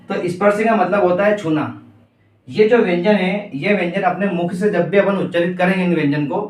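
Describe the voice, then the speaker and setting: A man's voice: high-pitched, brisk, far from the mic. Male teacher, echoey room off-mic. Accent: Indian Hindi. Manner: asks the class questions and answers them himself. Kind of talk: exam-prep grammar lesson.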